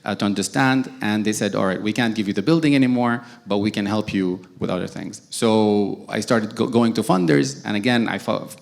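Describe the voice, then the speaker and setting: A man's voice: on the low side, a little fast, vocal fry, hardly any pauses. A young man from Sudan, a cartoonist speaking as a guest on a forum panel, hesitant with many restarts. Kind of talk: panel discussion answer.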